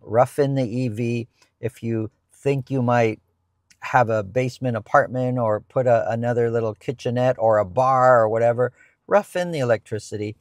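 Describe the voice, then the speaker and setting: Sitting in a parked car, a middle-aged real estate agent casually answers viewer questions, often restarting and repeating words as he explains. His voice is on the low side, creaky and a little mellow. Recorded on a lapel mic, the sound is clean and studio-like with no room sound.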